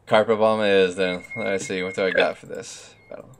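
A man's voice: sits low, level tone, normal speed, slight background noise. A man streaming a tank game, chatting casually with a friend and muttering to himself as he picks his gear. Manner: laid-back, mutters to himself while picking gear. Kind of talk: casual gaming chat.

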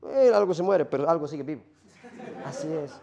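A man's voice: on the high side, animated, brisk, creaky, warm tone, dull audio. A man acting out a lonely male Minotaur who longs for death, speaking in a rambling first-person monologue full of rhetorical questions. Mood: morbid.

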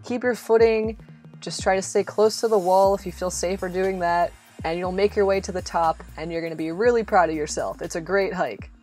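Her voice is on the low side with a darkish tone, and she talks a little fast. As a travel vlog host, she gives an informal, encouraging guide directly to the listener over background music.

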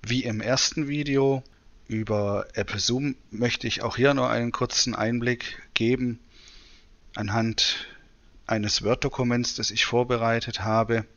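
A man presenting a software demonstration in tutorial narration. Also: fairly low pitch, steady tone, measured pace, highs cut off. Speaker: presenter demonstrating screen reader.

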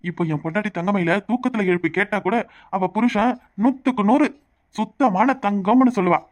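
A woman's voice: mid-range voice, brisk, close to an everyday voice. A woman voicing a sly, scheming village man in a cartoon, speaking with a Tirunelveli Tamil accent. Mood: boastful. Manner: sly, conspiratorial. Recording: cartoon dub with music underneath.

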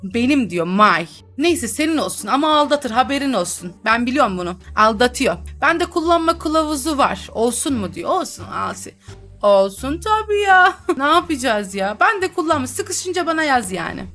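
A woman's voice: high voice, very animated, normal speed, fairly bright tone, soft background music. A young woman chatting and teasing through a role-play game, laughing often as she comments. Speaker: gaming YouTuber.

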